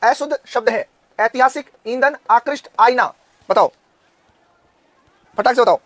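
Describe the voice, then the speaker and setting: A man in his thirties with a Rajasthani Hindi accent, teaching an online exam-prep Hindi class and firing quick questions at his students. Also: very high-pitched, no echo. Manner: drilling students with quick questions, loud and insistent.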